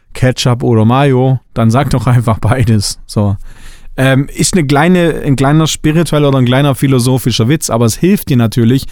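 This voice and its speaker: Emphatic German coach, dry close sound. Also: male voice, mid-range voice, a little mellow, no echo. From Swabia, Germany. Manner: emphatic, blunt, repeats key points. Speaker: podcast host and coach. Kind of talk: spiritual coaching podcast monologue.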